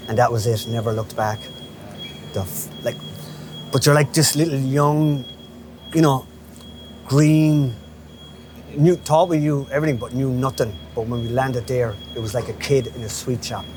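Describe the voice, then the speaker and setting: Over the din of street traffic, an interviewee reminisces chattily: a local window cleaner in his fifties with a Galway, west of Ireland accent. His mid-range voice is a touch mellow and fairly even, at normal speed with frequent pauses, and he keeps checking in with "you know."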